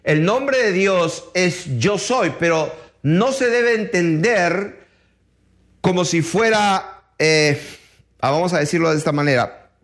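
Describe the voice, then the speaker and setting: A man giving a Bible teaching, reading scripture aloud and explaining it with many pauses. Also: high-pitched, a bit bright. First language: not Hebrew.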